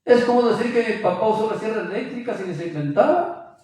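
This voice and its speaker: A man's voice: high-pitched, lively intonation, fairly quick, darkish tone, recorded from a distance. A man preaching a sermon with emphasis, quizzing his listeners with rhetorical questions. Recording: very echoey room, voice from afar.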